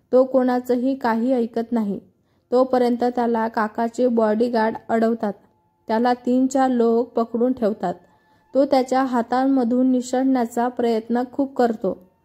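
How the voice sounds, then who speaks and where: A woman narrating a serialized love story in a steady, scripted reading. Her voice sits fairly high but sounds dark and mellow. She keeps the pitch flat, with little rise and fall.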